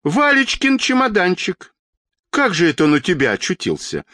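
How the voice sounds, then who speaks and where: A man reading a storybook aloud and voicing a dignified, strong-willed elderly grandmother in a shrill, indignant tone. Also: wildly swooping pitch, measured pace, a bit bright, no room sound, studio quality, full character voice. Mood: surprised.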